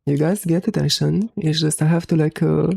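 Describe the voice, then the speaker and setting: Young woman game streamer; slightly hoarse, gravelly, warm tone; laid-back chat with a few swear words. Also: low voice, fairly even intonation, normal speed, dry recording. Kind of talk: casual live-stream chat.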